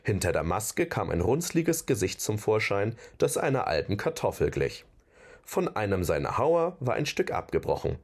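Man narrating a fantasy audiobook, low voice, lively intonation. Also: normal speed, breathy edge. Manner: expressive, animated storytelling. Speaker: audiobook reader.

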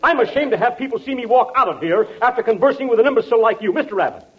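An actor playing a pompous bald professor in 1940s radio comedy, speaking in florid big words. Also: male voice, very high voice, expressive, rapid-fire. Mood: indignant. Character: pompous bald professor posing as great movie producer. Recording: muffled old 1940s radio broadcast.

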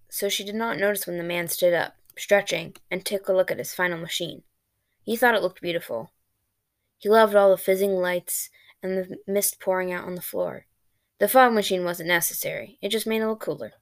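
A woman reading her own short story aloud at a steady pace on her podcast. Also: on the low side. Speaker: podcast host and author. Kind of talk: storytelling narration.

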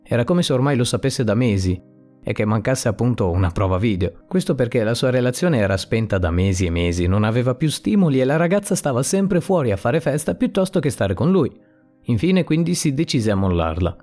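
A man reads a story aloud in a steady, plain manner. His voice sits at a medium pitch. Gentle music plays faintly behind him. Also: fairly quick. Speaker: narrator. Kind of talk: scripted story narration. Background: soft music.

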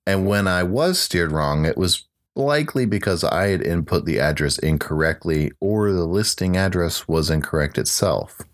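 A man's voice: low-pitched, expressive, moderate pace, hardly any pauses. A man hosting a solo podcast, talking through his picks in an upbeat, conversational way with light jokes. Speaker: podcast host.

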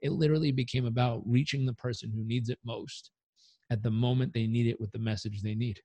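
A man's voice: medium pitch, a little fast, dry recording. Upbeat man coaching on a podcast. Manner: energetic, motivational, leads breathing exercise aloud. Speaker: guest, coach. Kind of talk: podcast interview.

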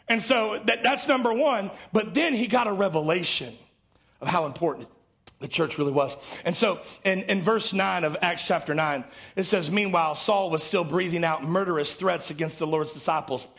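A male pastor preaching a fervent sermon that swings between shouted peaks and hushed low passages. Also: creaky.

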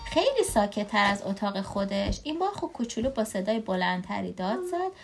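A woman from Iran in her thirties reading a children's storybook aloud to her child, with expressive asides, music playing behind. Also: mid-range voice. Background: clear music.

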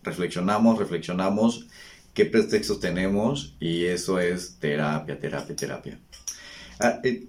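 A man's voice: deep voice, darkish tone. A middle-aged man hosting a reflective talk, speaking conversationally with rhetorical questions and frequent restarts. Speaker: host. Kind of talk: reflective monologue.

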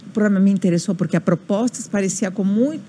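Speaking fast in a dark-toned, medium-pitched voice, an older woman from Argentina tells stories in Portuguese colored by her Argentinian Spanish accent. As an interview guest she keeps restarting and acts out the quotes she recounts. A faint hiss or hum is audible.

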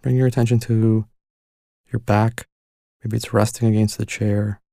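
A man leading a guided meditation in a soft, calm and unhurried way, pausing between short instructions. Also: lowish voice, vocal fry, dry recording, clean studio sound.

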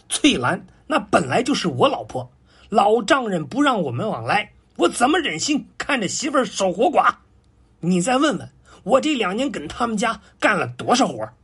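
A man voicing a lustful, lazy male pig demon who grumbles and sighs in a low, breathy voice. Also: darkish tone. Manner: self-pitying, rambling comic complaints. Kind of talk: comic storytelling.

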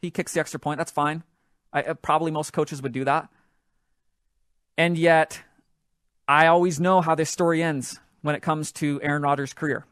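A man hosting a solo podcast, telling a sports story in an animated, excitable way that builds up with the action. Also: fairly high pitch, normal speed, long pauses, no room sound, clean studio sound. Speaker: podcast host.

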